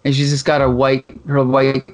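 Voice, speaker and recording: A man's voice: mid-range voice, moderate pace. A man from Canada, co-hosting a casual podcast chat and retelling a comic with playful read-out lines. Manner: animated, reads comic lines in playful voices. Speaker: podcast co-host.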